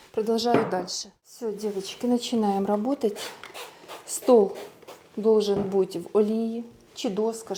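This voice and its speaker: A woman's voice: mid-range voice, background noise. A woman giving a casual cooking tutorial, chatting through each step as she works and mixing Russian words into her speech. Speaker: home cook showing a recipe.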